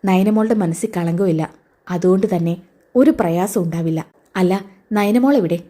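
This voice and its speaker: A woman's voice: fairly low pitch, moderate pace, lightly acted. A woman reading a kind old grandfather. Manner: gentle, reassuring. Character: kindly elderly grandfather, calm and reassuring.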